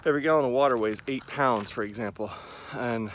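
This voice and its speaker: With a mid-range, slightly bright voice and a fairly quick pace, a vlogger in his forties wanders around a lakeside park chatting about running. He's rambling and self-deprecating, and the clip has clear ambient sound from outdoors.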